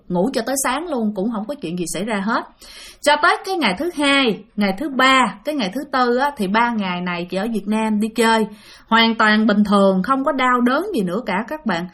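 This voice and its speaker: Woman storyteller with a Southern Vietnamese accent: chatty ghost-story narration, speaks straight to the audience, voice on the high side. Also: fairly bright tone. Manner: chatty, addresses listeners directly, repeats words for effect.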